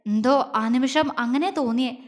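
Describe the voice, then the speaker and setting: A woman's voice: high-pitched, normal speed, close to an everyday voice. A woman voicing a young woman in love, tearful and anxious, asking pleading questions. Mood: angry.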